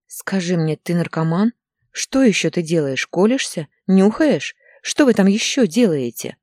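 A woman reading a distraught middle-aged woman in a storybook, agitated and accusing. The voice stays low and husky, with wide, lively pitch. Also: normal speed, no room sound, studio quality. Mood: shouting.

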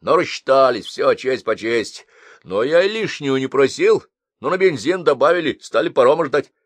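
A man's voice: medium pitch, expressive, normal speed, dry recording, pitched above the performer's own voice, natural voice. A man voicing a lazy, shrewd male driver who grumbles stubbornly and justifies himself. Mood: grumbling.

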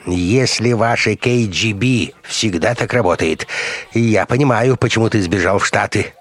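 A man's voice: on the low side, measured pace, pitched above the performer's own voice. A man voicing a flippant young American soldier with a cocky, slangy manner. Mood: mocking.

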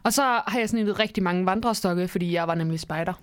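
A woman's voice: fairly low pitch, no room sound. Chatty woman co-host, dry close sound. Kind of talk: casual chat.

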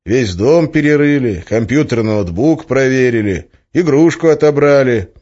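A man's voice: medium pitch, lively intonation, unhurried, a little mellow, pitched above the performer's own voice. A man playing a weary, fed-up magician. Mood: curt. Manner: curt, grumbling, flaring into outbursts. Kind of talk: audiobook character voice. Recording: slightly muffled lo-fi recording.

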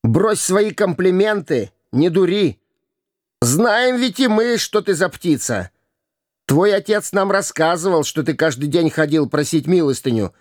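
A cunning vagabond boy who mocks and wheedles, as a male reader puts him on. The voice sits high above the reader's own and swoops about. It comes across close and dry, with a gravelly rasp. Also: lively intonation, measured pace, dry recording. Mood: mocking. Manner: wheedling, jeering, pleading when begging. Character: sly mocking vagabond boy, cunning beggar.

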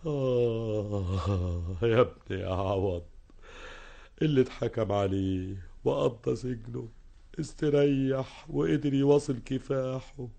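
A tormented, anguished holy fool with an Egyptian accent, his voice sitting at a plain middle pitch. He pleads in a broken way, as in an old radio drama. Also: slow pace, vocal fry, dark tone. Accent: Egyptian Arabic. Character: tormented older holy fool, a fugitive from himself.

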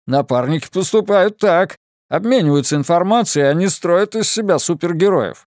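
A man voicing a rude, hot-tempered police deputy chief in an audiobook, gruff and snapping. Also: sits high, lively intonation, normal speed, darkish tone, dry recording, clean studio sound, voice pushed up. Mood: angry.

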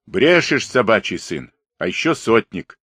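A man voicing a blunt Cossack who scolds a loudmouth. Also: fairly low pitch, big pitch swings, unhurried, husky, dry recording, clean studio sound, full character voice. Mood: scolding.

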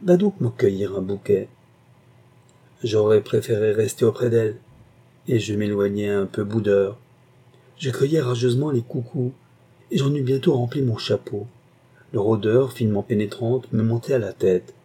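A man narrating a classic novel in a measured, expressive reading. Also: lowish voice, breathy edge. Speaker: audiobook narrator. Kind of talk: literary narration.

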